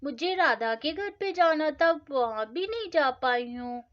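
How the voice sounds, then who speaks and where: Strict mother, loud scolding voice, high-pitched, dull lo-fi recording, played by a woman. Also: animated, measured pace. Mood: caring. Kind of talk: storybook doll-play acting. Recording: dull lo-fi sound.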